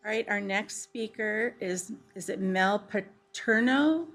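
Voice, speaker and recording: A woman's voice: mid-range voice, slow. A woman chairing a meeting, informally moderating public comment in short remarks. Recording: clear background noise, clicks.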